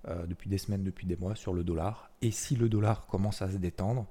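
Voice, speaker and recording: A man's voice: deep voice, fairly even intonation, brisk, dark tone. A man giving casual, chatty market commentary as host of a weekly recap, with many fillers and restarts. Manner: chatty, loose, with many fillers and repeated words.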